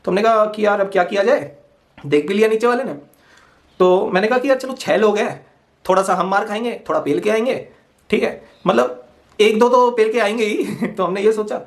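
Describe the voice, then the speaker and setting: A young man tells a funny story about himself in a casual, lively way, laughing a lot as he acts out what people said. His voice sits high and his pace is brisk.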